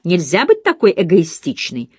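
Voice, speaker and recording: A woman's voice: on the low side, wildly swooping pitch, normal speed, slightly rough, no room sound, full character voice. A woman voicing a fussy, chattering elderly female companion who coos and talks down to her charge, in an audiobook reading. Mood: gossiping. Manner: cooing, patronizing, clucking.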